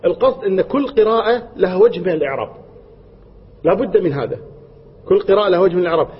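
A man's voice: high-pitched, rapid-fire, husky. A man giving a religious lesson on Quran verses, explaining patiently, repeating key points and posing rhetorical questions. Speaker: Quran teacher. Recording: dull lo-fi recording with long hall reverb.

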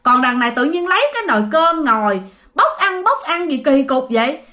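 Southern Vietnamese woman, ghost story narrator, chatty, high voice. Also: big pitch swings, brisk, bright, forceful tone. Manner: chatty, addresses listeners directly. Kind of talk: casual storytelling.

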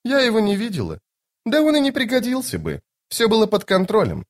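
Brief: male reader doing imperious, flirtatious sorceress woman, high lilting voice, mocking and commanding. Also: huge pitch swings, a little fast, exaggerated voice. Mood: teasing. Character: haughty, teasing sorceress woman, playful and imperious. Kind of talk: audiobook character voice.

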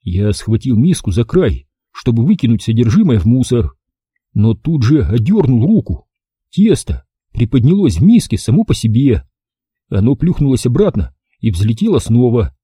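A man narrating an audiobook with lively, expressive storytelling. His voice is deep-toned and mellow with a husky grain, and his pitch moves a lot. The recording is close and dry. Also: normal speed, dry recording.

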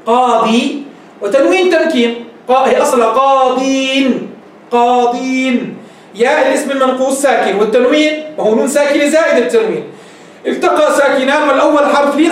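A man with a Levantine Arabic accent teaching a grammar lesson in a lecture room, explaining step by step and checking understanding with quick questions. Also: very high-pitched. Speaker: Islamic scholar teaching grammar. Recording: echoey room, mic at a distance.

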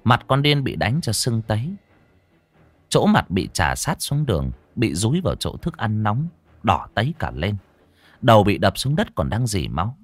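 A man narrating a sad story in an expressive, slow, dramatic way. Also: fairly low pitch, dry recording.

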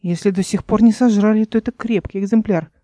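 A tough young female captain from an audiobook, stunned and shaken, read by the woman narrator. Her voice is mellow and soft. The sound is close and dry. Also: medium pitch, steady tone, brisk, dry recording, lightly acted. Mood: hushed. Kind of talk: audiobook character reading.

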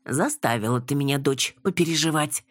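A woman voicing a sharp-tongued, nervous older mother with a tart, sardonic way of talking. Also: deep voice, moderate pace, no echo.

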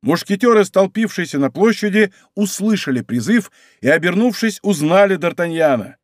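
A man reading a historical adventure novel aloud as a studio audiobook, with vivid, expressive storytelling. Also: high-pitched, normal speed, no echo. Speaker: audiobook reader. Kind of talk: dramatic audiobook narration. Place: recording studio.

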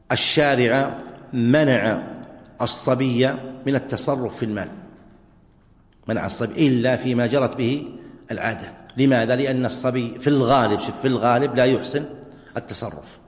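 A sheikh gives a classroom lesson, restating each example with care and pausing to quiz his students. His voice rings through a large hall with a long, lingering reverb. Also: mid-range voice, fairly even intonation. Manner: deliberate, repeats examples and quizzes students. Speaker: sheikh teaching Islamic jurisprudence. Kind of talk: classroom lecture.

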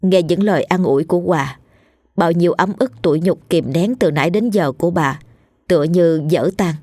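A woman narrating a ghost story in a steady, measured scripted reading. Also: lowish voice, dry recording, studio quality. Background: faint music.

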